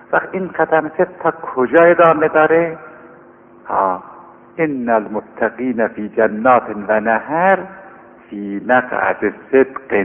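Earnest preaching man, tinny hall recording. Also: mid-range voice. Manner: earnest, pleading and conversational, slowing to recite scripture. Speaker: cleric preaching to young seminary students. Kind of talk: informal sermon. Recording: tinny lo-fi recording with long hall reverb and faint hum.

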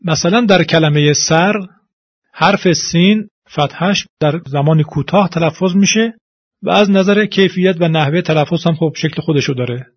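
A man teaching Quran recitation, explaining vowel pronunciation and demonstrating the sounds slowly and deliberately. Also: a little high, dry recording. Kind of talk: explanatory tutorial with spoken examples. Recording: dull lo-fi audio.

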